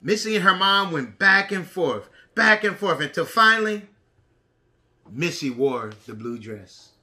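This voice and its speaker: A woman's voice: on the low side, big pitch swings, a little slow, bright, forceful tone. A woman teaching pre-kindergarten, reading aloud to young children and asking simple questions, with emphatic enunciation of key words. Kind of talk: read-aloud lesson for small children.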